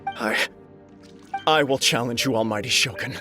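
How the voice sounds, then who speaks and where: Guy playing honorable young samurai in a game, mid-pitched, formal n sincere, music behind. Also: normal speed, natural voice. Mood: resigned, resolute. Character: earnest, honorable young male samurai clan heir. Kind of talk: dramatic video game voice acting.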